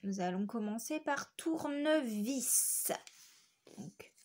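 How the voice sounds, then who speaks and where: Teacher lady talking to little kids about sounds, slow and careful, kinda high voice, says every word twice. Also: lively intonation, darkish tone, a little hiss or hum. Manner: slow, clear, repeats words syllable by syllable. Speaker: schoolteacher. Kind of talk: phonics lesson for young children.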